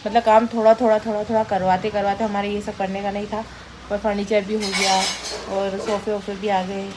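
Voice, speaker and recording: A woman's voice: mid-range voice, little pitch movement, a little fast. A middle-aged woman chatting at home in a family vlog, homely and earnest, explaining things at length. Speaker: mother-in-law in a family vlog. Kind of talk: casual family chat. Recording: clear background noise.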